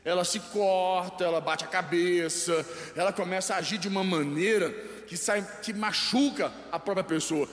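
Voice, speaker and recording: A man with a Brazilian accent preaching a live sermon, often pausing so the congregation can finish his sentences. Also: high voice. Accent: Brazilian Portuguese. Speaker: pastor. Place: large church hall. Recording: echoey church hall with long reverb.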